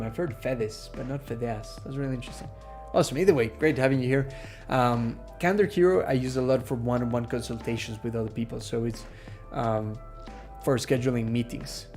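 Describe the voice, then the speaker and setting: A man from Ecuador hosts a relaxed live stream Q&A, chatting easily with viewers and filling pauses with ums and uhs. His voice sits at an everyday middle pitch. Soft music plays faintly behind him. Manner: chatty, reads out viewer questions, many fillers. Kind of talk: casual live Q&A.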